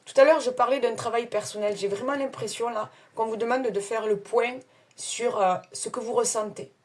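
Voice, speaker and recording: A woman's voice: fairly high pitch, steady tone, moderate pace. A woman with her own accent, reading tarot cards to her viewers in a casual, hesitant way with many fillers. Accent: non-standard French accent. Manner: chatty, hesitant with many fillers, laughs at herself. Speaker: tarot card reader.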